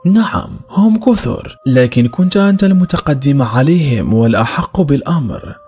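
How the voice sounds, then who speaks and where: A man voicing a proud, self-assured young female jinn in an audio horror story, raising his voice to sound light and calm. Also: medium pitch, normal speed, husky, soft background music, voice pushed up. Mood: confident.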